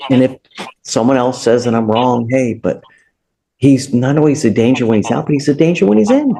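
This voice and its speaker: An American man acting as a judge in a courtroom discussion speaks plainly and firmly, often halting and repeating himself. His medium-pitched voice is creaky and mellow.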